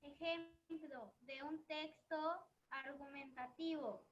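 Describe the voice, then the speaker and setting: A woman student reading aloud slowly, her voice echoey and distant through a call device. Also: high voice, fairly even intonation. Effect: echoey, distant sound over a call device. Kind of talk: slow reading aloud from a text. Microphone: device mic, far from her. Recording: dull lo-fi echoey call audio.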